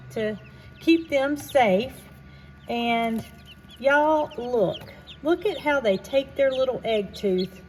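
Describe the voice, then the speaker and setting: A woman giving a casual, folksy farm vlog, talking straight to viewers inside an echoing barn. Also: a little high. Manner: folksy, addresses viewers directly. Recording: echoey barn, clear background noise, birds.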